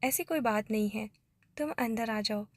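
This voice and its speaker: A woman's voice: fairly high pitch, normal speed, no room sound, voice pushed down, close to an everyday voice. A woman voicing a friendly young married woman with casual, chatty replies.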